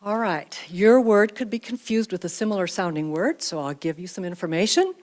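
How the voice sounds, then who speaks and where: A woman acting as spelling bee pronouncer, reading out words and definitions in a measured, clearly enunciated way. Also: mid-range voice, expressive, a little mellow.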